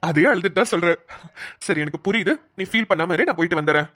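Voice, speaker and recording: A woman's voice: fairly low pitch, quick pace, lightly acted. A woman voicing a young male police officer who reassures and protects his partner in a cartoon. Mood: caring. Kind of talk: cartoon voice acting.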